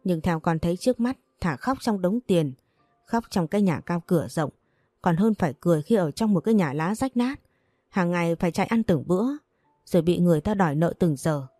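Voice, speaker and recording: A woman voicing a young daughter who calmly and firmly persuades her mother. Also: on the low side, fairly quick, dry recording, clean studio sound, soft background music. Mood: persuasive. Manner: calm, firm, persuasive. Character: young daughter, resolute and self-sacrificing.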